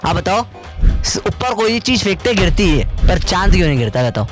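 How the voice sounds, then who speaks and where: A man's voice: sits high, big pitch swings, a little fast, soft background music. A young man, a physics teacher, bantering playfully in a quiz and laughing often. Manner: jokey, laughing, keeps calling things simple.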